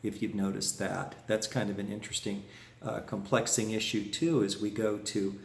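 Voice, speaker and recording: A man's voice: on the low side, flat delivery, moderate pace, gravelly, echoey room, a little hiss or hum. A man teaching a harmonica lesson in a folksy way, humming phrases on "na" to show them. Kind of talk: music lesson explanation.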